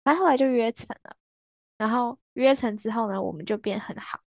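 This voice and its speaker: A young woman, chatting on a podcast in a quick, teasing, playful way. Her voice sits a little high and races along. The sound is dry and close to the mic. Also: no room sound. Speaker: podcast host. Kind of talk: casual chat.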